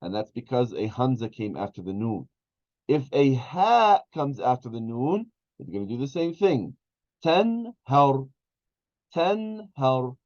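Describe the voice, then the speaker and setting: A man teaching an Arabic class, explaining slowly with many fillers and restarts. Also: medium pitch, sing-song, darkish tone. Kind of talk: online class lesson. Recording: dull lo-fi sound.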